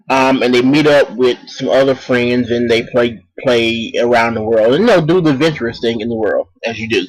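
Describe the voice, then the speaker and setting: A man's voice: medium pitch, slightly rough, rough recording. A man casually reviewing an anime, rambling with many ums and restarts while talking around a cough drop.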